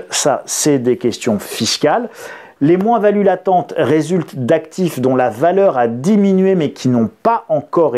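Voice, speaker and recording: Casting: male economics host, mellow tone, animated delivery, explainer-video style. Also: a little high. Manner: lively and expressive, with sound effects and asides. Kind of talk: explaining finance to an online audience.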